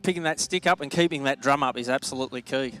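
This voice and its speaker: A man's voice: medium pitch, fast, a bit bright, soft background music. A man giving expert commentary on horse sport as a co-commentator.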